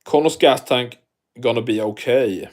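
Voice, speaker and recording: In a mid-range voice at a measured pace, a man with a heavy non-native accent hosts a casual livestream. He rambles and curses through viewer comments, restarting his thoughts again and again.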